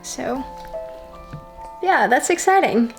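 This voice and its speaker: A woman's voice: sits high, lively intonation, takes it slowly, music in the background. A young adult woman, chatting casually as a vlogger. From Switzerland. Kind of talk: casual vlog chat.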